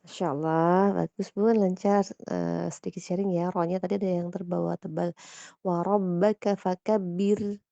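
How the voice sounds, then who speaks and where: A woman teaching Quran recitation in voice notes, gently correcting students and slowly modeling Arabic sounds. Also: lowish voice, level tone, vocal fry, no room sound. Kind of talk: voice-note feedback on recitation. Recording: dull, lo-fi voice note.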